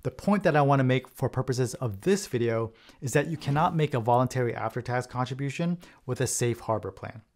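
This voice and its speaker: A man in his thirties, an accountant, explaining retirement plan rules straight to camera from a small office, measured, often checking in with "okay?". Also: medium pitch, expressive, darkish tone. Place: small home office, indoors.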